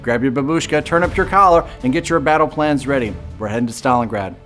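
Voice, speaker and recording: Faint music sits behind this man's fast, medium-pitched, slightly bright voice. He's the host of a board game channel and a native English speaker, explaining how to play in a cheerful scripted tutorial while poking fun at himself along the way.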